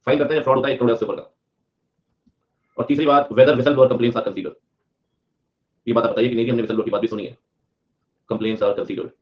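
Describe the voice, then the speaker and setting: A man's voice: mid-range voice, flat delivery, fairly quick, long pauses, highs cut off. A male teacher giving a live online lecture, repeating key points and drilling students in a mix of Hindi and English. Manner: repetitive, drills points, reads student comments aloud.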